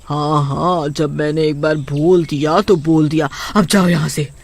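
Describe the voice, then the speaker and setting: A woman voicing a rich, hungry female witch in a cartoon, drawn-out and sing-song. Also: low-pitched, fairly even intonation, darkish tone. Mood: boastful. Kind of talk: cartoon voice acting.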